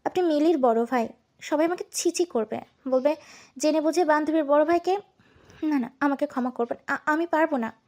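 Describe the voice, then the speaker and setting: An actress playing a shy young woman, soft and stammering in a Bengali audio drama. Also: high voice, moderate pace, lightly acted. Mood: torn. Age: young adult. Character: shy young woman Rupa, guilty and tearful.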